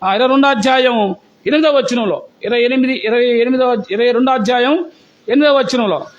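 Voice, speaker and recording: A man's voice: very high-pitched, brisk, muffled recording. A male pastor preaching a sermon, telling stories and firing rhetorical questions at the congregation in an emphatic, exhorting way. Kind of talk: sermon storytelling.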